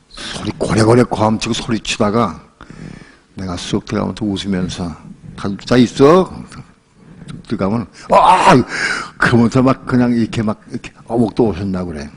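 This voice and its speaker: An older male pastor preaching a sermon in a relaxed, colloquial way, telling a personal story and acting out the voices in it. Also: lowish voice, husky. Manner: colloquial storytelling, acts out quoted voices and laughs often.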